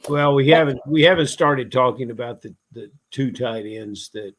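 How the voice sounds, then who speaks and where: A man co-hosting a fantasy football podcast, asking long, drawn-out questions in casual chat. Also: mid-range voice, fairly even intonation, a bit bright, poor audio. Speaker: podcast co-host.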